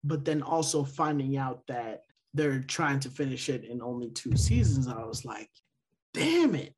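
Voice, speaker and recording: Over a noisy background, a male podcast co-host talks at a moderate pace in a medium-pitched voice. The conversation is casual and rambling, with plenty of fillers and restarts.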